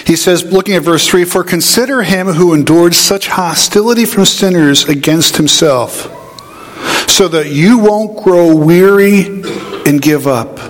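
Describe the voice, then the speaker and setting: A man preaching a sermon, an animated storyteller who acts out voices in his anecdotes. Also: high-pitched, measured pace. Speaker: pastor. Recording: hall reverb.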